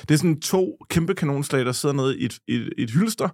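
A man's voice: medium pitch, animated, darkish tone, no room sound. Rambling man on a dry close mic. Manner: rambling, hesitant with fillers. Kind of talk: casual podcast chat, storytelling.

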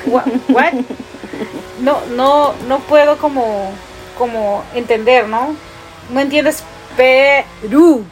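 A woman's voice: high-pitched, takes it slowly, soft background music. A woman from Peru with a Peruvian Spanish accent, co-hosting a casual podcast and agreeing often while steering the topics. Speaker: podcast co-host. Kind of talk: casual chat.

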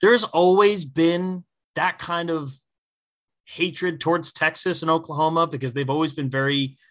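A man co-hosting a casual sports podcast, telling stories in a lively way, swearing freely and acting out what others said. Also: fairly high pitch, measured pace. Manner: animated storytelling, swears freely, acts out quotes. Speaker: podcast co-host.

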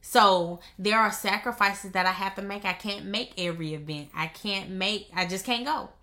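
A woman's voice: mid-range voice, moderate pace, pushed and bright. A woman business coach chatting casually to her viewers on a live stream, emphatic and playful, with slangy talk and repeated phrases for effect. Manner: slangy, conversational delivery.

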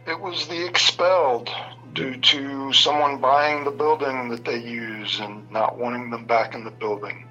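A man's voice: medium pitch, steady tone, measured pace. A man calling in to a show, chatting casually over a lo-fi line. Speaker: contest-winning caller. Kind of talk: casual call-in chat. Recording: dull lo-fi call, faint music.

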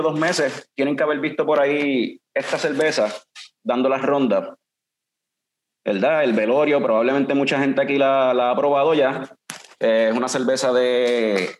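Puerto Rican man, podcast host, playful bilingual banter, echoey room. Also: medium pitch. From Puerto Rico. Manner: playful, switches fast between Spanish and English. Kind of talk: casual podcast chat. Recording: echoey room with faint noise.

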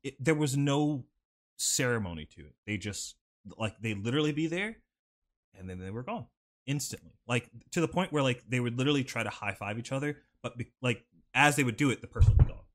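A man's voice: mid-range voice, expressive, a little fast. A young man on a podcast, chatting casually and telling a long, rambling story full of fillers, his mic turned slightly away. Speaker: podcast host. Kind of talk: casual chat. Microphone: studio mic, off-axis.

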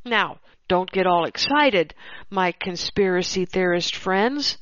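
A woman hosting, reading an opinion article aloud in a measured, deliberate way. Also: lowish voice, expressive, a bit bright, dry recording. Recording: dull, slightly lo-fi dry recording.

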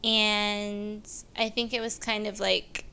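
A woman co-hosting a podcast in casual chat, blunt and quick to laugh. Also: mid-range voice, little pitch movement, gravelly, pushed and bright, smooth. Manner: blunt, laughing, slow-drawling. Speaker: podcast co-host.

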